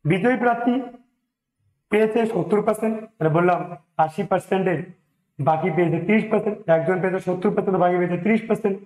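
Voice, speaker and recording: A man's voice: high-pitched, racing, darkish tone. Man teaching a maths lesson in an echoey room. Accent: Bengali. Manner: talks through sums step by step, mixing in English numbers. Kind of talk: exam-prep maths lesson, working problems aloud.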